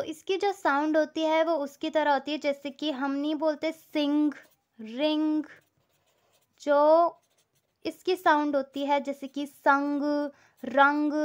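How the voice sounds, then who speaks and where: A woman teaching a language step by step, patient and repeating each example. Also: high-pitched.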